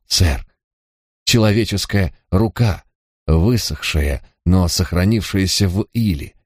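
A man's voice: low voice, a little mellow, no room sound, studio quality. A man voicing an old male villager and poacher who tells his story in a rambling, mournful way. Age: over 60.

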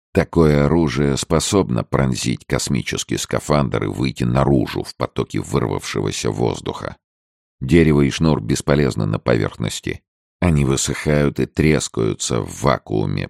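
Very deep, gravelly male narrator. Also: a little mellow, dry recording, studio quality. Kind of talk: audiobook narration.

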